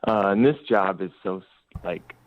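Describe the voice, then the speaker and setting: A male caller with a low voice rambles at a moderate pace on a casual call-in chat, his speech full of fillers. The phone line sounds tinny and dry, with no echo.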